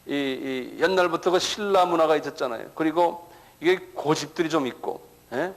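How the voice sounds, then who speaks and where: A man's voice: fairly high pitch, normal speed, low-quality recording. A middle-aged male pastor giving a sermon-style lecture, who keeps checking with the audience and repeats words as he starts a thought.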